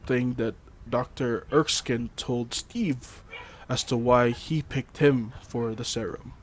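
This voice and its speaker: A man's voice: mid-range voice, fairly even intonation, slow pace, slight background noise. A man hosting a casual chat, reading trivia notes loosely with fillers, laughs and the odd swear. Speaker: podcast host.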